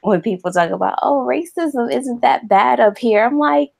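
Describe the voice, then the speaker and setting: A woman's voice: on the high side, lively intonation, moderate pace, gravelly, dry recording. A woman from the American South co-hosting a podcast, blunt and laughing often in casual chat. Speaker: podcast co-host.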